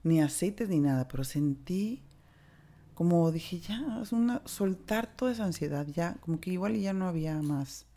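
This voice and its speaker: Chatty Mexican woman, dark voice. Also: fairly low pitch, animated, moderate pace. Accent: Mexican Spanish. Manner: chatty and candid, slangy, acts out dialogue with shifting voices. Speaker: storyteller sharing a personal recovery story. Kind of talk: casual spoken storytelling.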